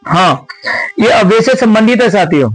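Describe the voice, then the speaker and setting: High-voiced man explaining exam answers. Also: expressive, moderate pace, rough recording. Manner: explains step by step, often asks and answers his own questions; addresses viewers as friends. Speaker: Sanskrit teacher. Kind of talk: exam answer-key lesson.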